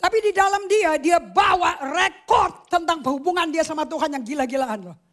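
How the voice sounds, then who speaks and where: Woman pastor, very high voice, animated, emphatic sermon, slips in English phrases. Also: moderate pace.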